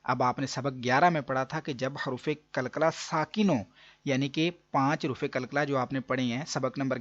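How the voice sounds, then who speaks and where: A man's voice: medium pitch, muffled recording. A man teaching an online recitation lesson, explaining patiently and repeating each rule step by step. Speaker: Quran reading teacher.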